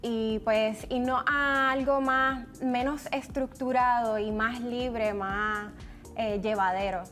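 A woman's voice: a little high, fairly even intonation, slow pace, a bit bright, soft background music. Hesitant young woman dancer guest. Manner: hesitant, many fillers. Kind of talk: TV interview. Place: TV studio set.

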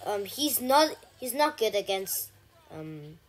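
A woman giving casual gameplay commentary, chatty with frequent ums and sudden excited shouts. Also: mid-range voice, slow, a little hiss or hum. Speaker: gaming channel host.

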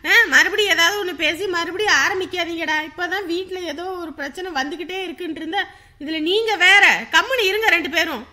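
A woman's voice: extremely high pitch, brisk, sharp tone, exaggerated voice. A woman voicing a bossy mother-in-law in a cartoon family story, scolding her son and keeping the peace.

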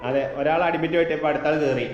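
A man's voice: on the high side, steady tone, rapid-fire, reverberant, dull audio, noisy background. A man filming a casual family vlog in a hospital room, chatty and teasing, laughing often. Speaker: family vlogger.

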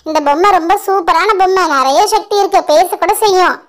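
A woman's voice: extremely high pitch, a little fast. A woman voicing an eager little girl in a doll show, pleading with her grandmother.

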